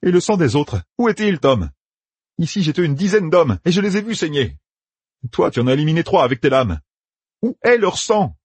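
A man's voice: on the high side, big pitch swings, husky, dry recording, pitched above the performer's own voice. A man voicing a hotheaded young soldier-gambler who blusters and curses in an audiobook. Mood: agitated. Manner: loud, blustering, quick to curse.

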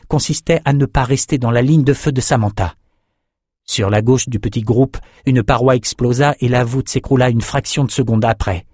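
A man narrating an audiobook in a measured, dramatic way, his voice in a middle range. The recording is dry and close, with no room sound. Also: mid-range voice, a little mellow, slightly rough, dry recording. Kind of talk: scripted narration.

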